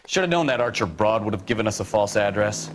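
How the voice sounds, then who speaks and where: An actor playing a gruff, no-nonsense police detective in a 1940s crime video game. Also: male voice, fairly low pitch, animated, fast talker, slight background noise, lightly acted. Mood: stern.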